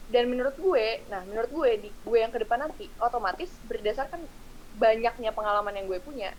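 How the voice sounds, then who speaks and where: Woman, 19, Jakarta slang accent, fast earnest talk, fairly high voice, faint background noise. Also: poor audio. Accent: Jakarta slang Indonesian. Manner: quick, earnest, explains her opinions at length. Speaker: podcast guest. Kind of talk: casual chat.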